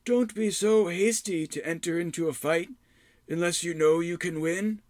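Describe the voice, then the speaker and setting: A man voicing a gaunt old male hermit who chides slowly in a high, quavering voice. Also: a little mellow, no room sound, lightly acted. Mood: chiding. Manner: slow, drawn-out, high quavering delivery. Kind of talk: audiobook character voice.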